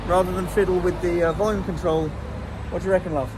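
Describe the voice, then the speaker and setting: A man chatting casually on a road trip vlog, relaxed and full of fillers. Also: sits high, quick pace. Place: outdoors and in a car, on the road. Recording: outdoor background noise.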